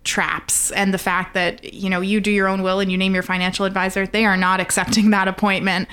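A woman's voice: mid-range voice, flat delivery, fairly quick, a bit bright, clear, resonant tone. A Canadian woman speaking as an expert podcast guest, explaining conversationally and stressing her points.

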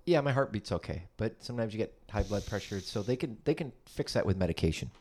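A man's voice: lowish voice, expressive, fast, a little mellow. A man talking casually as a returning guest on a podcast. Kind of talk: casual chat.

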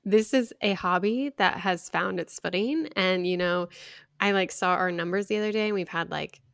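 Young woman with gravelly vocal fry. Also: lowish voice, normal speed, a bit bright, no echo, studio quality. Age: young adult. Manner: wry, self-deprecating. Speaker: podcast co-host. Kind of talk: casual podcast chat.

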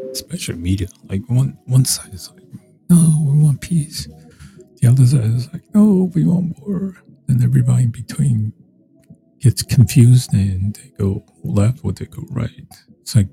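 A man's voice: on the low side, gravelly, warm tone. A man hosting a casual solo podcast, rambling and meandering with many fillers and restarts. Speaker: podcast host.

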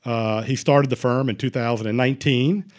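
A man's voice: medium pitch, steady tone, moderate pace. A man hosting an interview podcast in a casual, hesitant way, with many fillers and restarts. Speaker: podcast host.

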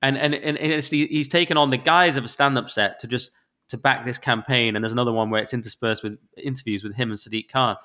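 A man co-hosting a podcast, chatting in a quick, mocking, sarcastic way. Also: medium pitch, fairly even intonation, bright, forceful tone. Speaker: podcast co-host. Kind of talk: casual political chat.

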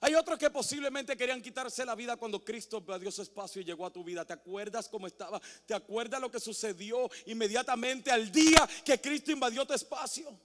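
A male pastor preaching a sermon, swinging from hushed near-whispers to loud, impassioned calls. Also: very high-pitched, a little fast, hardly any pauses, big-room sound.

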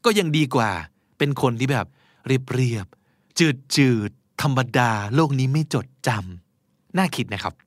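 Male podcast host teaching vocabulary, patient and lively delivery, close dry studio mic. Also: mid-range voice, a little slow, dry recording. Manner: explains words patiently, spells them letter by letter.

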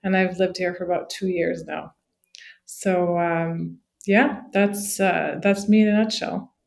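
A woman from Morocco, a podcast guest, telling her story in a friendly, relaxed way with fillers. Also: on the low side, a little slow, vocal fry. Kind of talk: casual interview chat.

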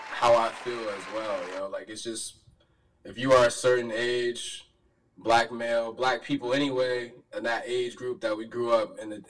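A young man from Richmond, Virginia, speaking as a podcast guest in a relaxed, reflective, casual way. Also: mid-range voice, far from the mic, rough recording.

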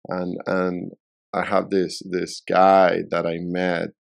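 Gravelly, low-voiced middle-aged man. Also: monotone. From Venezuela. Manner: halting, often repeats words while searching for them. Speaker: real estate developer, guest. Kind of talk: casual interview answers.

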